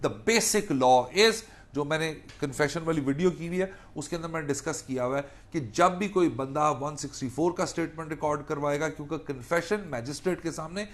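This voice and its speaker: His fairly high voice runs a little fast with few pauses as this Pakistani man teaches law. The spoken lecture switches between Urdu and English legal terms, and he animatedly repeats the main points.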